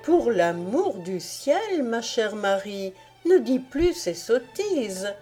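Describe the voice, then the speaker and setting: A woman's voice: on the high side, very animated, slow pace, warm tone, faint music behind, pitched above the performer's own voice. A woman reading an audiobook voices a worried middle-aged mother who chides her child. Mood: chiding. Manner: chiding.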